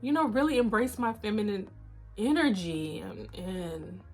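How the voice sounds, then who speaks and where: With soft music playing behind her, a woman in her thirties films herself on a phone camera and opens up casually to her viewers, whom she calls y'all. This vlogger's mid-range voice is sing-song and unhurried.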